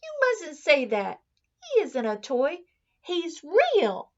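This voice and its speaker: Little storybook boy, voiced by a woman reader, insistent and earnest, high and emphatic. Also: wildly swooping pitch, slow pace, dull audio, heavily acted. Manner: demanding, emphatic.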